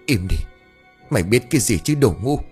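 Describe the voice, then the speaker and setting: A man voicing a vengeful young man's ghost that speaks through his sister, with a deep, hoarse, snarling and contemptuous voice. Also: animated, fairly quick, a little mellow, faint music behind.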